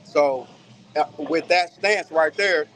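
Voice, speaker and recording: A man's voice: fairly high pitch, slow, a bit bright, soft background music. A man earnestly laying out his view at length in a casual debate on a live call-in stream, calling in from a pool hall.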